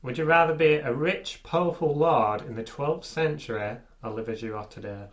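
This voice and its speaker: A man's voice: mid-range voice, normal speed. A man hosting a podcast who reads out would-you-rather questions and adds matter-of-fact remarks. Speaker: podcast host asking questions. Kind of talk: casual chat.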